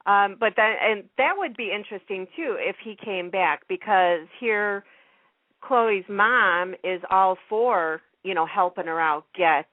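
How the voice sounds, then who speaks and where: Speaking a little slowly in a medium-pitched voice, a woman hosts a radio chat about soap operas, gushing and repeating herself in an informal way. The sound comes through a narrow, phone-like radio line, with no room sound.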